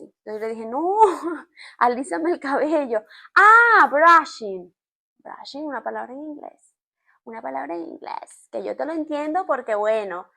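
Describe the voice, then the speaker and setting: A woman from Venezuela with a Venezuelan accent, chatting to camera in an expressive, explaining way, with laughs. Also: a little high, gravelly. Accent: Venezuelan Spanish. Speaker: vlogger. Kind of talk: casual storytime chat to camera.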